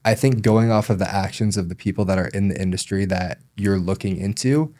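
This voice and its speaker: Man, loan officer, relaxed podcast talk, lowish voice, lots of ums. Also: a little fast. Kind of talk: casual podcast chat.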